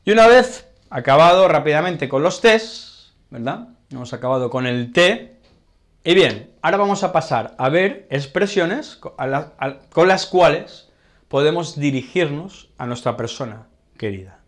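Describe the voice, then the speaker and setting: A man from Spain with a Castilian Spanish accent who teaches Spanish vocabulary. He speaks slowly, repeats words, checks understanding with short tag questions, and writes on a board as he explains. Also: fairly high pitch, animated.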